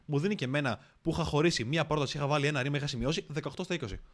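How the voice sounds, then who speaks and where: A young man, a podcast guest, telling stories in a casual, slangy, animated way. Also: a little high. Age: young adult. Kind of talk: casual storytelling chat.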